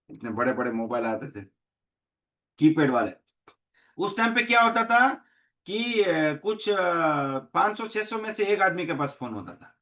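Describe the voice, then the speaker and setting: A man's voice: a little high, a bit bright. A middle-aged man with a Gujarati accent giving a motivational network marketing training talk, telling stories and acting out the people in them. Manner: storytelling, acts out dialogues in many voices. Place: meeting hall.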